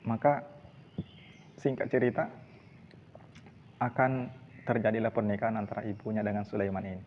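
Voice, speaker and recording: A man telling a religious story in a steady, low-key way, often using the filler "eh", on a dull lo-fi recording with faint hiss. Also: moderate pace, pauses often, long reverb tail.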